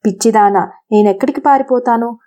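A woman voicing a clever plump rooster coaxing a wolf, in a slow storybook reading. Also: fairly high pitch, mellow, close to an everyday voice. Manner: sweetly coaxing.

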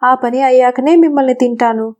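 A starving, gullible storybook wolf, as a woman reading aloud puts it on, greedy in its threats and self-pitying in defeat. The voice sits a little high but stays mellow and soft-edged. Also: fairly quick, close to an everyday voice.

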